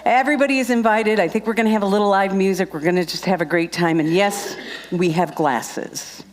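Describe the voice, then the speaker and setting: A woman's voice: medium pitch, steady tone, a little fast. A woman minister giving chatty, joking announcements at the start of a Sunday service, laughing often.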